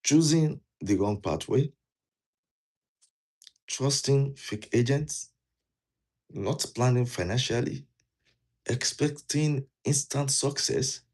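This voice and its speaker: A man from Nigeria, speaking with a Nigerian accent, talks slowly with frequent pauses in a mid-range, darkish voice. He's giving immigration advice in a casual vlog, indoors and in a jacket, earnestly repeating key points and asking the viewer questions.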